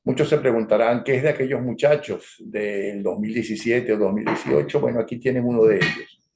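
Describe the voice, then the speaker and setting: A man's voice: medium pitch, a little fast, darkish tone, slight background noise. An older man with a Venezuelan accent runs a conversational interview, firing leading questions and wandering into asides. His voice sits mid-range, and the recording carries a noticeable roomy echo. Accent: Venezuelan Spanish. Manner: digressive, leading questions, frequent "¿ok?" and "¿no?" tags. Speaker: interview host.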